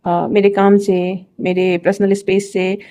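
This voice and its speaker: Young woman vlogger, mellow tone, rambling chatty delivery with exasperated asides. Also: mid-range voice, level tone, measured pace. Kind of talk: casual chat to camera.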